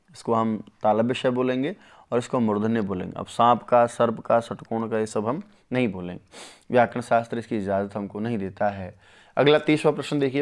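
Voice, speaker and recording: A man runs a live online Sanskrit lesson for exam takers, speaking close to the mic. He talks with eager warmth toward his students. He drags out each grammar rule syllable by syllable so the class can follow. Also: mid-range voice. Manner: enthusiastic, addresses viewers as friends, slows to spell out sutras. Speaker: Sanskrit teacher.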